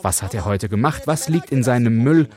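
A man's voice: medium pitch, animated, fairly quick, darkish tone. A man reads a translated quote as a voice-over, keeping the tone plain and lightly casual. His voice sits in an ordinary middle range for a man.

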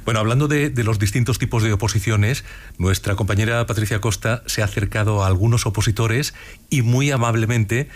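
A man's voice: on the low side, brisk. A man who hosts an interview conversation, summarizing points and guiding the questions. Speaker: host.

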